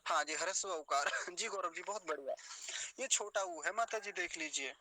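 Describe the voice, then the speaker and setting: Male teacher drilling slow syllables. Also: sits high, bright, forceful tone, a little hiss or hum, low-quality recording. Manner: drills words slowly, syllable by syllable; quizzes students with questions. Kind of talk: pronunciation lesson.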